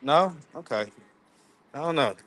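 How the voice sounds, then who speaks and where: A man's voice: a little high, animated, a little slow, fairly bright tone, dry recording. A man, hosting a casual live stream from his phone, loose and playful, laughing often. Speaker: livestream host. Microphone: phone camera.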